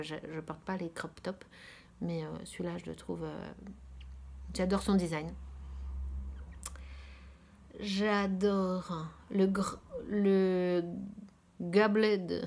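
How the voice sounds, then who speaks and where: Hosting a knitting podcast, a French woman with a slightly low voice chats casually, hesitating often and filling pauses with filler sounds. She frequently drops into a soft near-whisper and gushes about things she loves, repeating words of praise.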